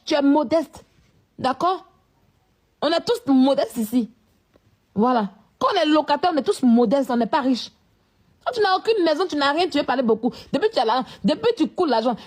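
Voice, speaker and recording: A woman ranting at someone in a scolding, repetitive, confrontational way. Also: high-pitched. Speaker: vlogger. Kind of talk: live-stream rant.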